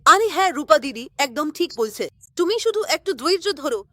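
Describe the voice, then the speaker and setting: Animated high woman voicing a doll story. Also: a little fast, dry recording, studio quality. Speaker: doll story narrator and voice of the girls. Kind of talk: dolls story cartoon voicing.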